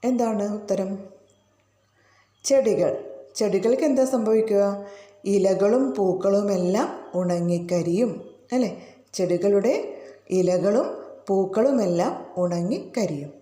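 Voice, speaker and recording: A woman's voice: medium pitch, slow, long pauses, mellow. A woman teacher explaining a school lesson to children, often asking them rhetorical questions. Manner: asks pupils rhetorical questions. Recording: roomy echo.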